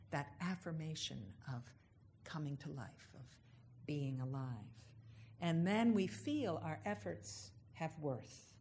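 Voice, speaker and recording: A woman giving an unhurried, thoughtful spiritual talk, stretching out the words she wants to stress. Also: sits low, a little mellow, a little hiss or hum. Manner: unhurried, thoughtful, drawn-out emphasis on key words. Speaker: speaker giving a reflective address.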